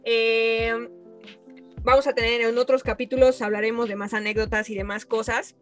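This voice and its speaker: A woman's voice: fairly high pitch, level tone, moderate pace, soft background music. A young woman with a Mexican accent, hosting a casual podcast chat and acting out voices as she tells stories. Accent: Mexican Spanish. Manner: slangy, joking, acts out voices in stories. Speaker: podcast host.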